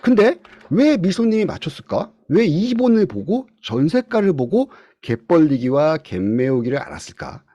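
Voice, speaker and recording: A man teaching a real estate class over a video call, his pitch leaping up and down as he fires questions at his students. His delivery swings between loud, pressing stretches and soft asides. The sound is dry and close, with no room around it. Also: big pitch swings, moderate pace, few pauses, no room sound. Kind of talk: online lecture to students. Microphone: computer mic on a video call.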